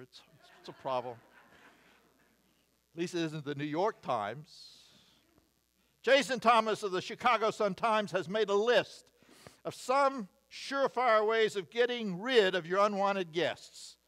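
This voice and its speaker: High-voiced older pastor preaching. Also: male voice, fairly bright tone. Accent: American. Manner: measured, wry asides, reading lists emphatically. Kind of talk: sermon. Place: church sanctuary, at a wooden pulpit. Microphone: pulpit mic, far camera.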